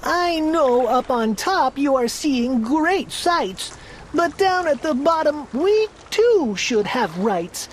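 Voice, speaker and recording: A woman's voice: high-pitched, very animated, slow pace, a little hiss or hum, pitched above the performer's own voice, exaggerated voice. A woman voicing a meek, plain little male turtle who politely pleads about his suffering. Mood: pleading.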